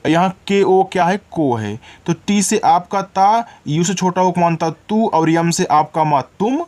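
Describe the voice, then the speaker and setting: A man's voice: high-pitched, expressive, measured pace, a little mellow. A man teaching beginners to read, patiently spelling out words letter by letter and sound by sound. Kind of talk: phonics lesson for beginners.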